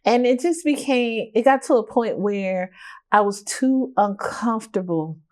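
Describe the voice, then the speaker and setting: A woman's voice: on the high side, a little slow, darkish tone. Laughing, reflective woman in her fifties. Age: 50s. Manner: laughing, reflective, repeats phrases while thinking. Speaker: guest artist. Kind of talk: casual interview chat.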